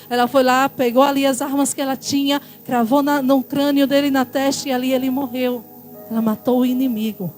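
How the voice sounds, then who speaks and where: Impassioned Brazilian woman pastor preaching. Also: high voice. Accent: Brazilian Portuguese. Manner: impassioned, shifting between loud exhortation and quiet asides. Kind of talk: sermon.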